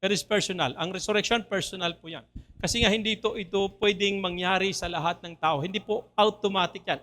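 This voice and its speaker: High, bright Filipino preacher. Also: male voice, steady tone, brisk. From Philippines. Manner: switches between Tagalog and English, asks the congregation questions. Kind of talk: sermon. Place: church.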